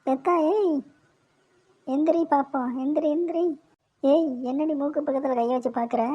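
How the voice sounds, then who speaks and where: A woman's voice: sits high, moderate pace, lightly acted. A woman voicing a gossipy middle-aged neighbor in a cartoon, chatty and bossy. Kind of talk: cartoon voice acting. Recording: dull lo-fi recording.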